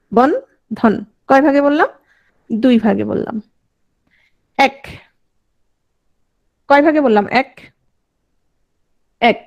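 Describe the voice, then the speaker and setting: High-voiced woman teaching an online class. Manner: asks students questions and repeats answers.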